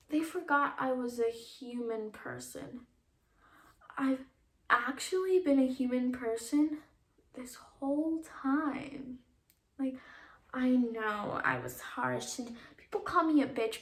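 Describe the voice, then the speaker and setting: A young woman playing a sharp-tongued, self-assured teenage queen bee in a sardonic, blunt comic monologue. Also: high voice, heavily acted. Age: young adult. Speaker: student actor. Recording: echoey room.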